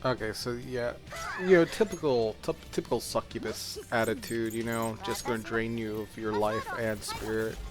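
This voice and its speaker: A man's voice: fairly low pitch, steady tone, normal speed. Rambling man commentating over game music and mouse clicks. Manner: rambling, self-deprecating. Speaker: gaming video creator. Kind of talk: casual gameplay commentary.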